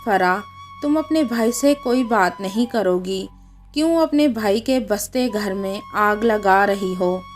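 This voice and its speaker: A woman voicing a gentle, patient middle-aged mother in a read-aloud story, speaking soothingly. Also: medium pitch, takes it slowly, soft background music, natural voice. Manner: soothing and conciliatory.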